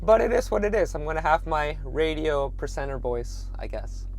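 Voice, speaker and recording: Hoarse, raspy man vlogging. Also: a little high, expressive, normal speed, slight background noise. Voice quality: raspy, strained from lost voice. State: hoarse, voice nearly gone. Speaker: trucker vlogger. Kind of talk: casual vlog talk to viewers. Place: truck stop rest area, then inside truck cab.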